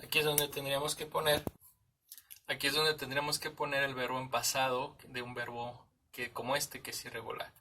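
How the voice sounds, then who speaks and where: A man with a Mexican Spanish accent explains English grammar in a relaxed, conversational teaching voice. His tone is bright and clear. He sounds a little distant from the microphone. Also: mid-range voice, fairly quick. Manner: conversational, checks in with "¿sale?" and "¿ok?".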